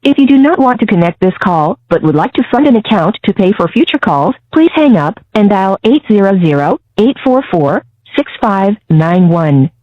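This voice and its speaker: A woman's recorded voice reads out a jail collect call prompt over a payphone line. She speaks in measured, clearly separated instructions with a lively rise and fall. The sound is dull and lo-fi, dry and close. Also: medium pitch, no room sound. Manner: measured, evenly spelled-out instructions. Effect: collect call prompt heard over a payphone line. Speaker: automated jail phone announcer. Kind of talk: recorded automated announcement.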